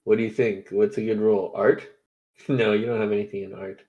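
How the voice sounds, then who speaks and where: A man with a fairly low voice runs a tabletop game as its game master. He sounds easygoing and keeps breaking into laughs as he guides the players. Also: flat delivery, fairly quick, warm tone, highs cut off.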